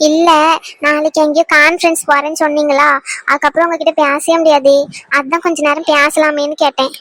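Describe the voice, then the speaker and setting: A woman voicing a gentle young woman who is anxious and guilt-ridden about her coming marriage, speaking softly and apologetically. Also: high voice, flat delivery, brisk, dry recording. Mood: pleading. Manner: soft, pleading, apologetic. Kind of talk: fan dub of a serial scene.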